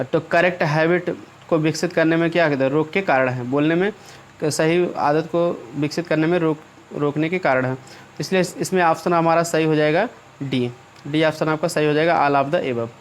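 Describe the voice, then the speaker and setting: A male teacher explaining English exam questions in Hindi, repeating and rephrasing points and often checking in with listeners, slowing down to read the English sentences aloud. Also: fairly high pitch.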